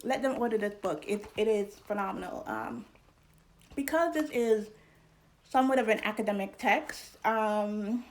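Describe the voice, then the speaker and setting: A young adult woman from New York, hosting a casual educational talk to camera in an animated, chatty way with fillers. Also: mid-range voice, normal speed. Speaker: channel host.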